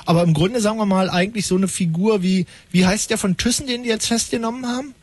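A man hosts late-night call-in radio in a high, breathy voice. He rambles with mock-pompous irony, recorded close and dry in the studio. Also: fast talker, darkish tone, dry recording.

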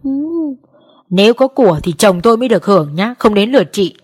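A woman doing a sharp-tongued daughter-in-law. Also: mid-range voice, expressive, fast talker, breathy edge. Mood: mocking. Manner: mocking, then wailing. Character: sarcastic younger daughter-in-law, loud mourner.

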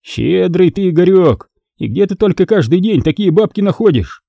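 A man's voice: sits high, lively intonation, moderate pace, vocal fry, no echo, muffled recording, pitched above the performer's own voice, heavily acted. A man voicing an arrogant young male student who mocks and lords it over others with condescending sneers. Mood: sneering. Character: arrogant mocking male student, power-drunk, giggling.

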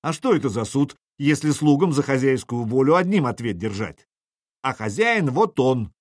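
Man voicing a bold young leader, loud declaiming, lively swinging pitch, dry close sound. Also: normal speed, no room sound, lightly acted. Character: bold young male leader rousing a crowd.

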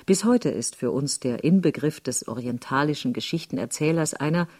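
Female documentary narrator, low husky voice, calm scripted read, faint music bed. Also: moderate pace.

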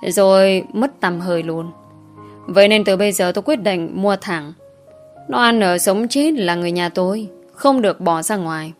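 A woman's voice: mid-range voice, normal speed, soft background music, natural voice. A woman voicing a lecherous old male landlord who talks bluntly and mockingly. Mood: haughty.

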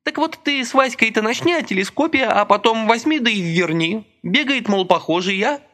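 A loud, sardonic working woman in a storybook reading, put on by a man. She talks bluntly and jeers, her voice pushed up high and swinging widely. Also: lively intonation, normal speed. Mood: brash mocking.

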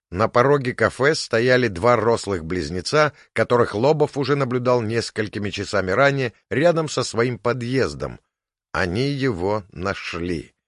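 A man narrating an audiobook, expressive and storytelling. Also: medium pitch, dry recording, studio quality. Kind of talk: scripted narration.

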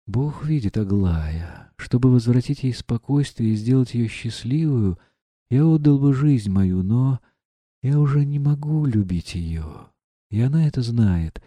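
Мужчина-чтец, озвучивающий кроткого, измученного молодого князя, говорит тихо и умоляюще. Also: male voice, mid-range voice, animated, unhurried, dry recording. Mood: pleading. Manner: soft, pleading, troubled. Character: gentle anguished young prince.

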